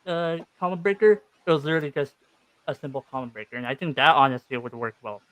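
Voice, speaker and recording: A man's voice: fairly high pitch, fast, a bit bright, no room sound. A man speaking with braces in his mouth, giving his view casually as a guest in a gaming debate.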